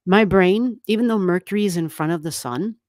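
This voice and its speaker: A woman speaks a little fast in a medium-pitched, darkish voice while hosting an astrology livestream from home. She's casual with her viewers, rambling and laughing frequently, in a room that isn't soundproofed. Her desk mic is turned down halfway, yet the audio has studio quality and no echo.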